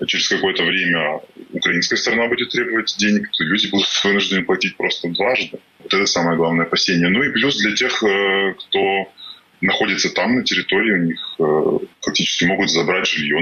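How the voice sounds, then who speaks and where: Man with a disguised deep, altered voice. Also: bright, forceful tone, breathy edge, highs cut off. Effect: pitched-down voice disguise. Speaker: anonymous borrower interviewed. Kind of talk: interview testimony.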